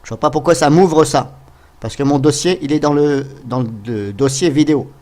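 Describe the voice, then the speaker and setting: A man's voice: a little high, moderate pace, a little mellow. Chatty man thinking aloud in a tutorial. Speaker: tutorial host. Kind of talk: casual software tutorial narration.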